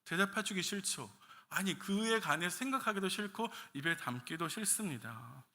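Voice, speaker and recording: Bright-voiced male pastor preaching. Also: high voice, animated, moderate pace. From Gyeongsang region, Korea. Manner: asks the congregation many rhetorical questions. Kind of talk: sermon. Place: church sanctuary. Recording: echoey church hall.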